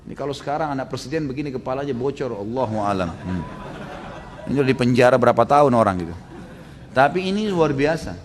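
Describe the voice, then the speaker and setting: A male Islamic preacher giving a storytelling sermon, acting out quoted characters with lively shifts and frequent tag questions. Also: mid-range voice, quick pace, slight background noise. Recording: long reverb of a large hall.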